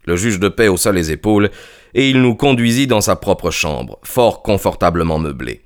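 A man narrating a classic detective story as an audiobook, in a measured, steady way. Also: deep voice. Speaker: audiobook reader.

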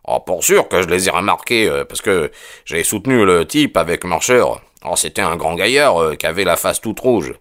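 A man voicing a blunt, uneasy police constable who talks in rough colloquial phrases full of hesitant fillers, in an audiobook. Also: low voice, lively intonation, moderate pace, fairly bright tone, no room sound, clean studio sound. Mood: defensive. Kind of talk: audiobook character voice.

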